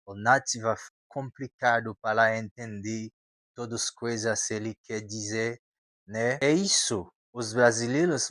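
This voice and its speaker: A man with a Haitian accent whose first language is Haitian Creole, teaching an informal language lesson and slowly repeating example phrases with French words mixed in. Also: mid-range voice, a bit bright, no room sound, clean studio sound.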